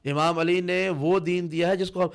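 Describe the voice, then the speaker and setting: A man's voice: high-pitched, fairly even intonation, vocal fry. A man, a guest on a podcast, arguing his side in a heated debate, insistent and cutting in often. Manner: insistent, argumentative, cuts in often.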